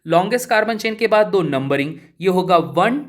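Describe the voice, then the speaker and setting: A man's voice: high voice, expressive, a little fast. Chatty man teaching a lesson. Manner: chatty, asks students questions and answers them himself; informal, keeps addressing listeners as brother and buddy. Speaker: chemistry teacher. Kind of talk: casual spoken lesson.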